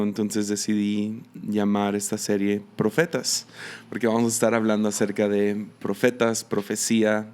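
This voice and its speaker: A man's voice: fairly low pitch, darkish tone, clear, resonant tone. A man in his thirties with a Mexican Spanish accent, hosting a solo podcast in a casual, hesitant way with many fillers and restarts. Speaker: podcast host and missionary.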